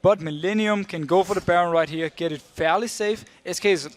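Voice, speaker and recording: Fast-talking high-voiced male esports analyst. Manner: analytical, explains strategy. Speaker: esports color commentator. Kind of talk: analytical game commentary.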